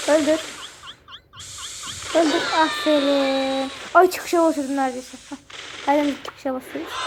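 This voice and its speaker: A woman hosting a casual gameplay video, chatty and excitable, who keeps talking straight to her viewers. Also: high voice, noisy background. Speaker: gaming video host.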